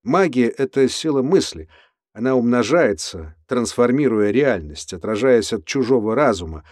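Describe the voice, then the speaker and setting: A man voicing an eccentric, unhinged male prison cellmate who lectures and then flares into shouting, in an audiobook. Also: fairly low pitch, dry recording, clean studio sound. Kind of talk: audiobook character voice.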